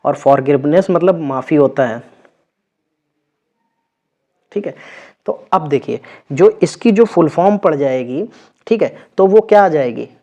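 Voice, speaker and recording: Warm and expressive, this man's slightly high voice moves at a moderate pace as he teaches exam vocabulary. After going over each meaning he repeats the word and checks in with his students.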